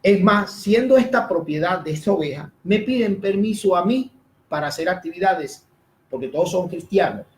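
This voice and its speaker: A man preaching as a pastor, speaking emphatically in a sermon that swings between raised and hushed lines. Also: high voice, expressive, normal speed, reverberant. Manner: emphatic preaching with rising and dropping voice, frequent "amén". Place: church.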